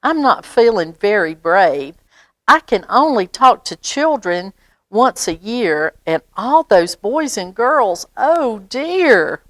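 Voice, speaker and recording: A woman's voice: mid-range voice, very animated, slow, no echo, voice pushed up. Woman putting on a bouncy, kindly storybook Santa. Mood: timid. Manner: hearty ho-ho-ho, otherwise timid and confiding. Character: shy, big, kindly Santa Claus finding his courage.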